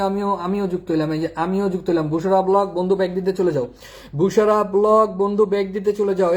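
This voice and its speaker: A man hosting a live stream, chatting quickly with viewers, repeating himself and calling out commenters by name. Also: sits high.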